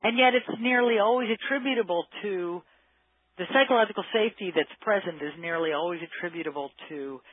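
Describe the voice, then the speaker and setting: Slightly fast and husky, this man's high-sitting voice comes through phone-line audio with no echo. He's a guest expert on workplace psychology in a conversational interview, explaining ideas thoughtfully and feeling for the right words.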